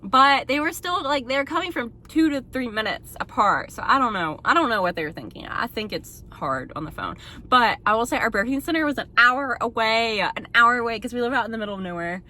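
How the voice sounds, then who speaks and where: A woman's voice: fairly high pitch, animated, brisk, pushed and bright. A young woman casually recounting her own story, chatty and full of "like", often breaking into laughter. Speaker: vlogger sharing her birth story.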